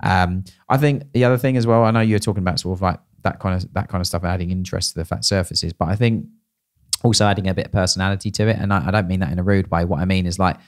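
A man's voice: sits low, steady tone, quick pace, no echo. A man in his thirties co-hosting a miniature painting critique show from a small studio, talking casually with many fillers and restarts into a podcast mic. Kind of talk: casual feedback chat. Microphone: podcast mic on boom arm.

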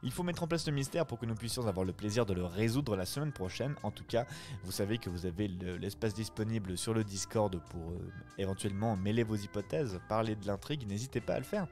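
A man's voice: lowish voice, brisk, darkish tone, faint music behind. A man, chatting casually with his live viewers after a reading in a friendly, reflective way. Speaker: streamer and voice-acting reader.

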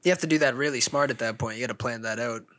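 A man's voice: mid-range voice, racing, pushed and bright. A young man co-hosting a podcast, playful and joking, laughing often. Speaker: podcast co-host. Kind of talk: casual chat.

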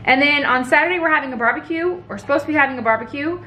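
This is a lifestyle vlogger from Texas, a woman in her twenties, speaking casually to camera in her kitchen at home. Her high-pitched voice is very fast, pushed and bright; she's upbeat and animated with her hands, and the tripod camera across the kitchen picks up slight background noise.

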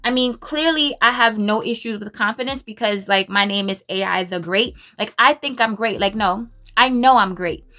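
A beauty vlogger does her makeup in a home closet, recorded close up by a camera on a stand. Her mid-range voice has a sharp tone and moves at normal speed with few pauses. She's chatty, emphatic and self-assured, laughing often.

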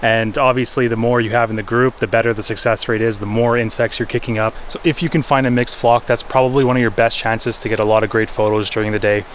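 A man in his thirties talks quickly to his camera in an informal, enthusiastic way. His pitch is middling and he explains things like a wildlife photographer vlogging from the jungle. Faint outdoor noise sits behind his voice. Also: fairly even intonation. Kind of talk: explanatory vlog talk to camera. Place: outdoors in jungle, orchard and by a river.

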